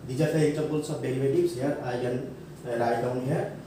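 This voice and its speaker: Male lecturer, unhurried, mellow tone, heard from a distance with faint background noise. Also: medium pitch, fairly even intonation. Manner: slow, halting, many fillers and self-corrections, spells words out. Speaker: college English teacher. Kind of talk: classroom grammar lecture. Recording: echoey room, mic far off, faint noise.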